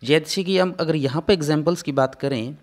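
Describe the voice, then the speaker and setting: A man's voice: a little high, brisk. A man teaching a phonetics lesson, explaining patiently step by step.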